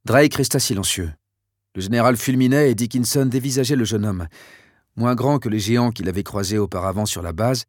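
A man narrating a novel chapter in a steady, measured reading voice. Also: mid-range voice, no echo, clean studio sound. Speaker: audiobook narrator. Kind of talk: scripted narration.

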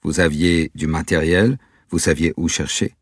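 A paranoid young stranger from a storybook reading, guarded and tense, weighing each word, as a male narrator puts him on. the voice sits very low, husky and dry. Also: steady tone, normal speed, dry recording, exaggerated voice. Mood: explaining. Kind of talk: audiobook character voice.

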